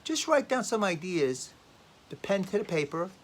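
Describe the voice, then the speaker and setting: A man's voice: high-pitched, sing-song, moderate pace. A man talking as a life coach in a casual motivational vlog, rambling and emphatic, often repeating his phrases.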